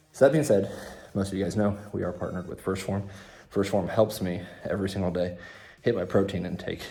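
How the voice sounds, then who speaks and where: A man's voice: low voice, darkish tone. A man talking to camera in his home garage gym, giving fitness and training tips with joking asides, a little out of breath. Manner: joking, self-deprecating asides. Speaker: fitness content creator. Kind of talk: casual vlog tips to camera.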